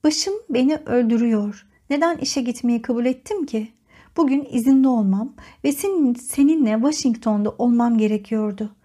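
A woman reading an audiobook, voicing an exasperated, worn-out middle-aged mother with a sharp, scolding manner. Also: on the high side, moderate pace, close to an everyday voice. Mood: grumpy.

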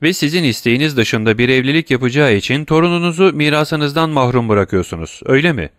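A man's voice: mid-range voice, lively intonation, fast, no echo, clean studio sound, pitched above the performer's own voice, close to an everyday voice. A man playing a formal, questioning notary. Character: formal, bewildered male notary. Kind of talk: audiobook reading.

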